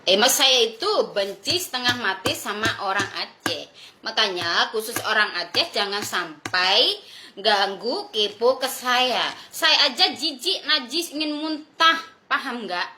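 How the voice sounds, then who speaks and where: High, bright-voiced woman ranting bluntly. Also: animated, measured pace, echoey room. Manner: blunt, crude, confrontational. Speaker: vlogger. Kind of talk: ranting monologue to viewers.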